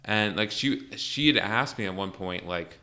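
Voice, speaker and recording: Young male co-host, casual, rambling storyteller, slightly low, bright tone. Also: a little slow. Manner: rambling anecdote-telling, lots of fillers and laughs. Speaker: podcast co-host.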